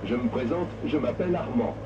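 An actor playing an older former miner and winemaker who guides visitors in a scripted, lively storytelling narration. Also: male voice, medium pitch, brisk, far from the mic, close to an everyday voice. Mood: proud. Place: open tourist train outdoors. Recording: muffled loudspeaker on a moving tourist train, heard from afar with loud engine noise. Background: vehicle engine and outdoor ambience.

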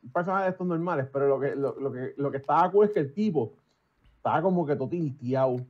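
Animated man, storytelling. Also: on the high side, quick pace, dull audio. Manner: profane, animated, switches into English. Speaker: podcast guest. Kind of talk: casual storytelling chat.

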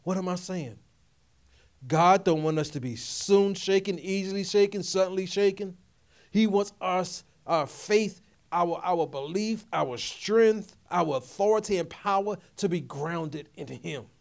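A middle-aged man delivers a sermon in a notably high voice. He preaches in emphatic, repeated phrases and keeps calling out questions to his listeners. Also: measured pace, vocal fry. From Philadelphia area. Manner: call-and-response preaching, repetitive and emphatic. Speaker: pastor.

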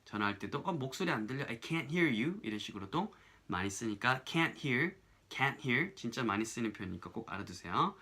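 A man teaching an English lesson in a casual, chatty way, often checking "right?" and saying English lines slowly as examples. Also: mid-range voice, animated, bright, forceful tone.

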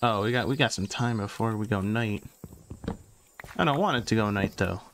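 A man's voice: lowish voice, normal speed, background noise. A young man hosting a casual game commentary, rambling and repeating words as he plays, his voice still recovering after he lost it. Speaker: gaming channel host. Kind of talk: casual let's-play commentary.

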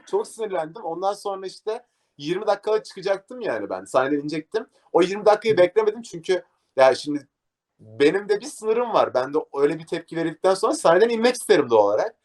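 A young man, a DJ, talking casually in an interview and acting out a story with lively energy. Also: high-pitched, fast. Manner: animated, acts out scenes, says "abi" a lot. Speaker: DJ guest.

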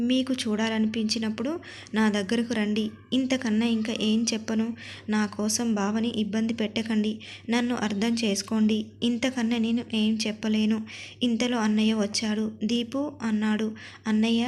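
Flat-voiced woman telling a story. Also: a little high. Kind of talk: first-person story narration with quoted dialogue.

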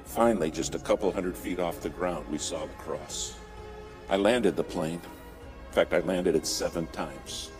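A man preaching a sermon, telling a dramatic story and driving points home by repeating key words and slowing down. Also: sits low, a little mellow, in a large hall, faint music behind.

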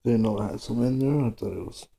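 A man talking to his phone camera at home in a rambling, mumbling casual monologue, halting with fillers. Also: mid-range voice, gravelly, warm tone, breathy edge. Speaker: vlogger. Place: at home indoors. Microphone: phone camera close up.

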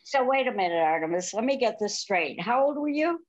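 An older woman moderating a panel discussion over a video call from her living room, speaking in a measured, deliberate way. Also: on the high side, lively intonation, highs cut off.

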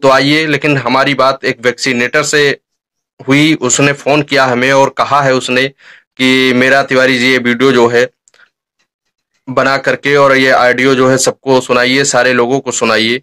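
Recorded on a phone in a dark room indoors, a young adult male YouTube vlogger hosts and introduces his vlog to the camera. His mid-range voice is clear, resonant, bright and forceful. His delivery is flat and unhurried.

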